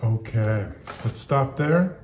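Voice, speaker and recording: Slow-paced and animated, a medium-pitched man with a darkish tone reads a picture book aloud and walks children through drawing, over a faint hiss or hum. He's an author and illustrator in his fifties who talks casually, keeps words simple, and cheers on young viewers.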